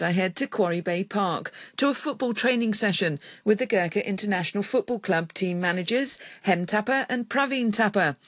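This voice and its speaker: A woman radio host reading a scripted introduction to her programme in a measured, clear way. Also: medium pitch, dry recording, studio quality. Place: studio.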